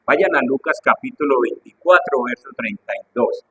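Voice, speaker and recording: Predicador de voz ronca y apasionada. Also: male voice, expressive, moderate pace, slightly rough, highs cut off. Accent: Colombian Spanish. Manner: impassioned, shifts between soft asides and high fervent peaks. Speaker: preacher. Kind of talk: sermon.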